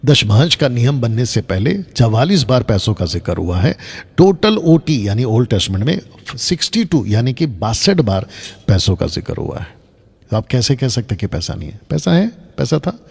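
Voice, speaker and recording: A man's voice: medium pitch, sing-song, moderate pace, creaky, darkish tone, husky, long reverb tail. A man teaching Bible lessons over slides, emphatic, repeating his points and asking rhetorical questions. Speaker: Bible teacher on a video channel.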